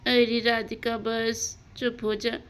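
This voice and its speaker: A woman's voice: a little high, monotone, slow pace, clear, resonant tone. A woman voicing a caring village mother in a doll story, soothing and given to worried exclamations. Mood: comforting. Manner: soothing, fussing, exclaims often.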